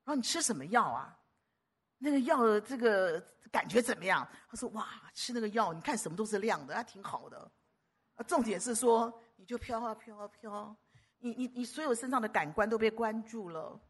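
A woman preacher delivering a sermon, emphatic and animated, often stumbling and repeating words. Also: on the high side, brisk, slightly rough.

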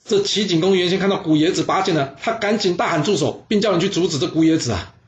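A man narrates history in a chatty, wry way. His voice is a touch high. The recording sounds muffled and lo-fi. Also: fast. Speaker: storyteller. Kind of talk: lively history storytelling. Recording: dull lo-fi sound.

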